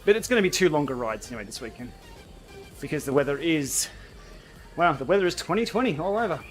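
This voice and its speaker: Higher-pitched man bantering on a livestream. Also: lively intonation, fast talker, faint music behind, low-quality recording. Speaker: livestream host. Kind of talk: casual livestream chat while riding indoor cycling game.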